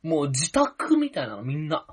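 A man's voice: fairly high pitch, wildly swooping pitch, normal speed, slightly rough. A young man co-hosting a podcast, telling a long rambling story in casual chat and laughing often. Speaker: podcast co-host.

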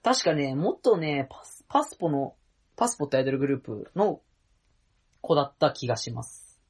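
A young man co-hosting a podcast, bantering casually with quick, teasing retorts. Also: on the high side, big pitch swings, slightly rough. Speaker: podcast co-host.

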